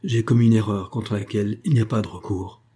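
A young officer in an audiobook, wounded and bitter, speaking gravely and with measured weight that turns harsh, as a man reads him in a low voice. The sound is dark and husky throughout. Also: steady tone.

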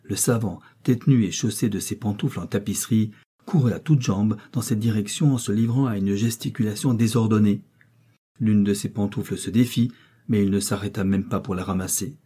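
A man narrating a classic story as an audiobook, with a measured, expressive reading. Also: fairly low pitch, slightly rough.

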